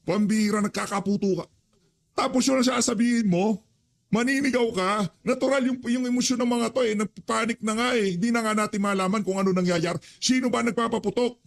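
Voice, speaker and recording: A man's voice: high voice, brisk, creaky. A man ranting angrily as a news commentator, scolding and cursing. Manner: angry, scolding, curses.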